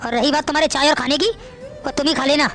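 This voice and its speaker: Bossy rich son-in-law in a family drama, rapid and high-pitched, sneering at everyone. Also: female voice, fairly even intonation, a bit bright, faint music behind. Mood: scornful. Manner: scornful, bossy. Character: arrogant rich male son-in-law, boastful. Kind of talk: Hindi family drama acting.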